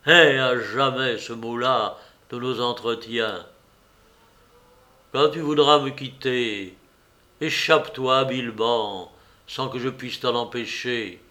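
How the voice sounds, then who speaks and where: Tormented young nobleman, loud and impassioned, slow storybook delivery, put on by a male reader. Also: medium pitch, close to an everyday voice. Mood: pleading. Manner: vehement, impassioned outbursts.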